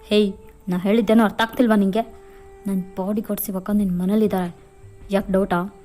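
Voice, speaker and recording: Lady doing a cold bossy rich dad, threatening, mellow voice, soft music under it. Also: mid-range voice, little pitch movement, a little fast, natural voice. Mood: menacing. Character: ruthless rich older father threatening a girl. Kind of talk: fan fiction voiceover.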